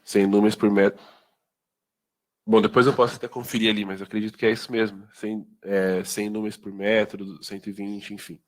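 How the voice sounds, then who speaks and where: Low-voiced Brazilian man explaining products. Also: flat delivery, normal speed. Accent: Brazilian Portuguese. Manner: conversational, many fillers and tag questions. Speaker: product presenter. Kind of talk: informal sales training talk.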